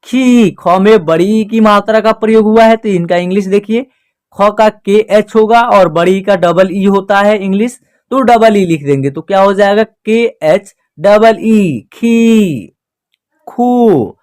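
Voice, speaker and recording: A teacher giving a spoken lesson, explaining slowly and patiently, asking questions aloud and answering them right away. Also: mid-range voice, a little mellow, clear, resonant tone. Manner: slow, patient and repetitive explaining.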